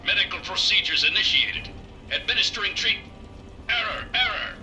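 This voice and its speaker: A man voicing a malfunctioning male robot field medic that glitches and reports errors in flat, clinical machine announcements, with a robotic filter on the voice. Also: sits high, moderate pace, far from the mic, soft background music, full character voice, poor audio. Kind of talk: video game character dialogue.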